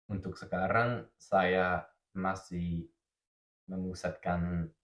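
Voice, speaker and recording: A male foreign learner and native English speaker talking in careful, formal, halting Indonesian as a podcast guest, stuffed up with a cold. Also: sits low, little pitch movement. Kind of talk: casual podcast interview. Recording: roomy echo, slightly dull sound.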